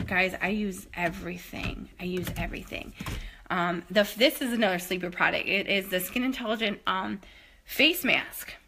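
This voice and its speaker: Woman, 30s, chatty and rambling, a bit breathless, bright voice, phone at arm's length, home bathroom. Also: fairly low pitch, a little hiss or hum. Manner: chatty, rambling, enthusiastic, many fillers. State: a bit out of breath while moving. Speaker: home tour vlogger showing products. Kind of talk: casual chat. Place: home bathroom and closet, indoors. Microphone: phone held at arm's length.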